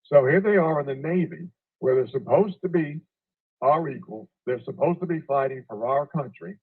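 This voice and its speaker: A man speaking as a remote guest over a video call connection that keeps breaking up, telling a story in a halting way with many fillers. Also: on the high side, slightly rough. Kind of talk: casual panel discussion. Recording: tinny phone-like video call audio.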